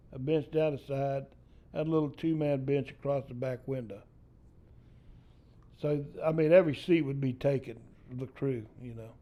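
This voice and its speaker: A man's voice: medium pitch, lo-fi sound. An older man from East Texas with a Texan accent, telling a profane family story in casual storytelling style. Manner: salty, profane yarn-spinning.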